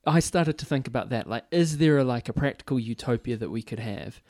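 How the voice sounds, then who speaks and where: Speaking a little fast in a darkish mid-range voice, a healthcare worker in his forties muses through a casual conversation, frequently starting sentences over and talking with his hands. He's recorded on a boom mic in studio quality without echo.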